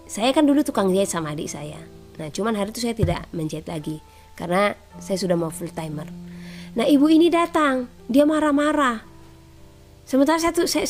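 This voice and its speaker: A woman preacher giving a sermon with personal testimony, telling her story in an animated way and often adding "ya". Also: fairly high pitch. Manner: animated storytelling, frequent "ya" tags.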